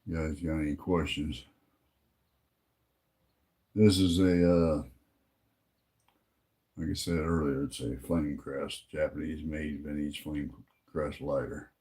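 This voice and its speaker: A man's voice: a bass voice, flat delivery, mellow. A man hosting a live stream, talking plainly and half to himself while he repairs a lighter. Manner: slow, plain-spoken, muttering to himself as he works. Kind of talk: casual live-stream commentary while working.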